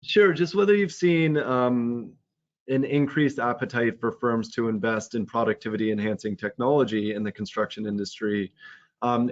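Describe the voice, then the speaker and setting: A man with a Canadian accent moderating an online webinar, asking questions haltingly with many restarts and ums. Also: on the low side. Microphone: video call. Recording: dull lo-fi call audio.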